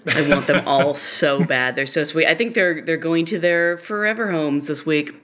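A woman on a podcast panel who is sick today, chatting in an animated, giggly way. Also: low voice, normal speed. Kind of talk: casual panel chat.

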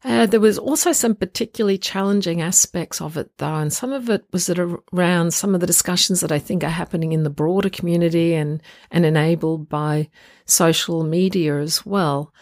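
A woman hosting a solo podcast in an informal, reflective and earnest way, her voice croaky from getting over the flu. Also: lowish voice, fairly quick, a little mellow, no echo, studio quality. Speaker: podcast host.

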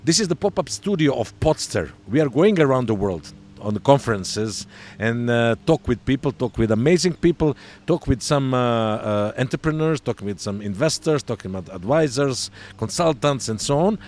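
A man's voice: mid-range voice, animated, normal speed, a little mellow. A man hosting a podcast interview at a pop-up studio at a conference, speaking hesitantly with many fillers and restarts. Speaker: podcast host. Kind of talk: casual interview.

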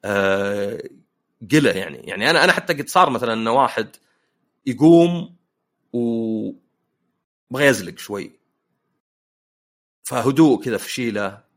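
A man's voice: mid-range voice, expressive, moderate pace, long pauses, a bit bright. A man hosting a casual podcast chat, telling jokey personal anecdotes. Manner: anecdotal, joking storyteller. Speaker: podcast host.

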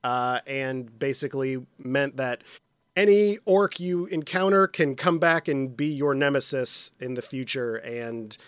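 A male podcast host chatting casually, slightly husky from a cold, rambling and laughing between quick asides. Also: medium pitch, no echo, studio quality.

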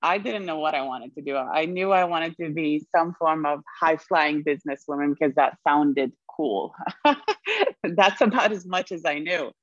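Low-voiced woman, dry muffled audio. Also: lively intonation, a little slow, no echo. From Sweden. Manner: reflective, laughs often. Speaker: guest. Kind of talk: conversational interview.

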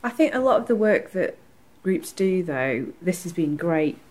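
A woman speaks in a low, grounded voice. She is an earnest, enthusiastic community organiser who laughs easily as she talks through her work in a relaxed podcast interview. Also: unhurried. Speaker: community group organiser, guest.

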